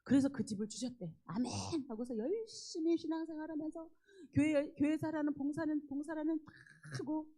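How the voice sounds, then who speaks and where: A middle-aged woman, a gospel singer, giving a church testimony with animated storytelling, acting out her own dialogue with exclamations. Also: sits high, brisk, low-quality recording. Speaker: guest speaker, gospel singer. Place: church sanctuary.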